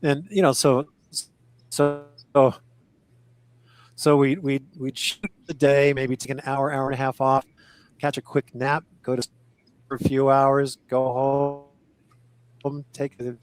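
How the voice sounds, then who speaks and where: An older man, a guest on a casual podcast, reminisces about acting, wandering off track, fixing his sentences partway through, and chuckling as he goes. He speaks slowly at a middle pitch with little pitch movement and long pauses. The sound is close, dry, and rough, with no room in it.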